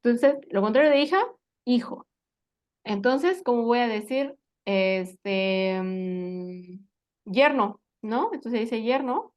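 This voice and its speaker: A woman gives an English lesson in a slightly high voice. She explains each word patiently and keeps asking her students whether they follow. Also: slow, a little mellow. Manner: patient, checks understanding with frequent questions. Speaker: English teacher. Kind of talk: spoken language lesson.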